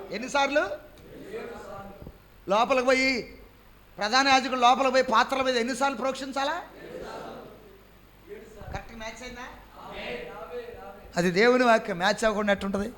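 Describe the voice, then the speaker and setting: A man preaching a sermon, quizzing the congregation and stretching key phrases slowly and loudly. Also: very high-pitched.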